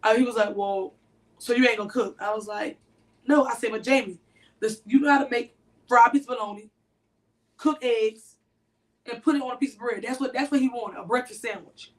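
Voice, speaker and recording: A woman co-hosting a podcast, telling a story to listeners in a casual, animated way and talking straight to them. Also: a little high, a little fast, pauses often, recorded from a distance, rough recording. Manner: animated, addresses listeners directly. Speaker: podcast co-host.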